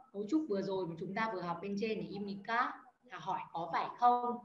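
Woman teacher on a video call, kinda high voice, explains stuff step by step, roomy echoey sound. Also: fairly bright tone. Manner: explains step by step, calls on students by name. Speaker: Korean language teacher. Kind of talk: online class lesson. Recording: echoey, dull lo-fi audio with faint noise.

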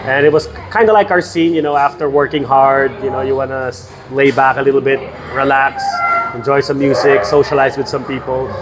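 A man from the Philippines, a real estate guest telling his story in a measured way with many fillers. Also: medium pitch, steady tone, noisy background.

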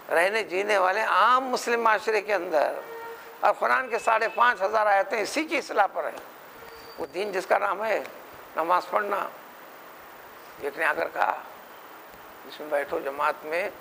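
This Quran scholar from India, who speaks with a Hyderabadi accent, gives a religious lecture in a high, gravelly, sharp-toned voice. He presses his points with rhetorical questions and quick impressions of other people. The recording is rough, with a faint hiss of room ambience behind him.

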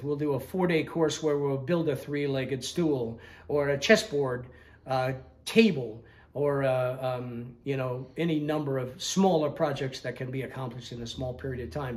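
Walking an interviewer, who holds the camera, through a large indoor shop, an older man who owns a woodworking school chats casually and explains things with small jokes. His voice sits on the high side.

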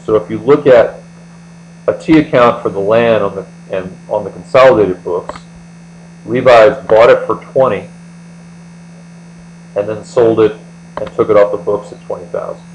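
A fairly low-pitched American man lectures methodically as an accounting tutor, explaining each step at a moderate pace. The clip is an indoor screen-recording voice-over. Its sound is lo-fi, and a mains hum persists throughout.

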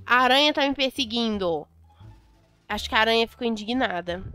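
A young adult Brazilian woman commentating a Roblox game, chatty and excitable, repeating words in bursts. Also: fairly high pitch, fairly quick, smooth. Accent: Brazilian Portuguese. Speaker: Roblox gameplay host. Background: faint music.

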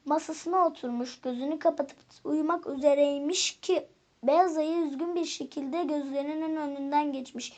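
A woman teacher reading a children's fairy tale aloud in calm, expressive storybook narration. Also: sits high, normal speed.

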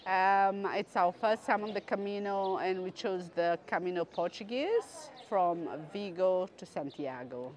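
A woman's voice: mid-range voice, a little slow, hardly any pauses, darkish tone. A woman in her fifties from the Seychelles, speaking reflectively in a street interview in a city square. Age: 50s. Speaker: pilgrim interviewee.

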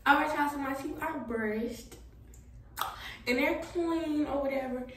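A woman's voice: sits high, unhurried, fairly bright tone, roomy sound, far from the mic, rough recording. A young woman vlogging at home in a casual, chatty way, tired and a little out of breath. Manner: laid-back, chatty, Southern US slang. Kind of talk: casual chat to camera.

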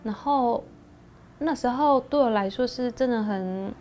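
A woman in her thirties from Cambodia, a university student, speaking softly and reflectively in a documentary interview. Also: a little high, a little hiss or hum. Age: 30s. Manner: soft, reflective, halting. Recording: clean documentary audio with music underneath. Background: soft background music.

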